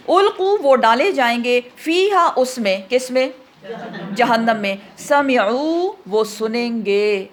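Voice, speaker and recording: A woman explaining Quran verses in a lesson, asking questions and answering them herself, with English words mixed into her speech. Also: fairly high pitch. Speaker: Quran teacher.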